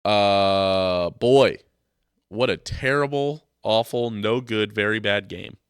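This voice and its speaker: This young man, nose blocked by a cold, rambles slowly and jokingly through his casual sports podcast. His voice is fairly low and smooth, captured in a dry, studio-quality recording.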